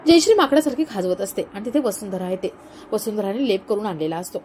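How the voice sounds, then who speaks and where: A woman storyteller retelling a television serial episode in a steady, plain way. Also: medium pitch, fast, slight background noise.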